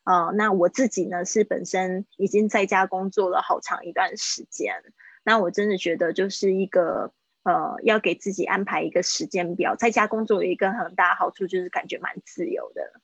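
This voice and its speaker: A woman English teacher on a livestreamed lesson, chatting casually and repeating example phrases slowly for her students. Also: mid-range voice, fairly even intonation, slightly rough, no echo, rough recording.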